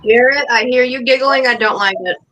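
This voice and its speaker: A woman's voice: fairly high pitch, a little fast, pushed and bright, muffled recording. A blunt, teasing woman chatting casually with friends. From lived in North Dakota about half her life. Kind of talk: casual chat. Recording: some background noise.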